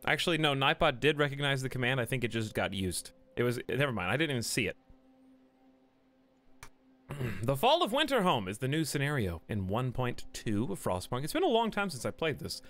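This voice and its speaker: This man has a cold but keeps up easy, chatty banter with his viewers, greeting them and joking during a home game stream on a desk mic. His voice sits in the mid range, swings widely in pitch, runs a little fast, and has a fairly bright tone. Faint game music can be heard in the background.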